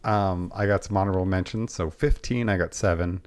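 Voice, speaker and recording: A man's voice: deep voice, fairly even intonation, brisk, darkish tone. A man co-hosting a podcast in a laid-back, wry, chatty way. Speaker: podcast co-host. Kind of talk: casual chat.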